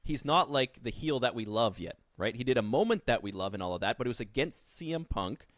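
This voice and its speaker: A man's voice: mid-range voice, lively intonation, brisk, a bit bright, no echo. Podcast co-host who pushes back, mid male voice, dry sound. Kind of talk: casual chat.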